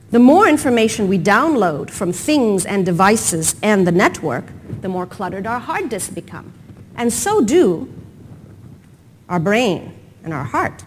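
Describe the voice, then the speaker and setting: A woman's voice: fairly high pitch, a little hiss or hum. A woman speaking at a conference, giving a prepared talk with emphatic phrasing and rhetorical questions.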